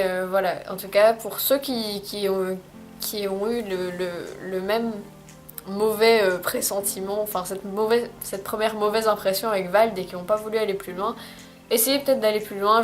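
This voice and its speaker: A young woman, chatting casually in a recommendations vlog, hesitant, with many fillers and restarts. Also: mid-range voice. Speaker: vlogger. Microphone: camcorder microphone.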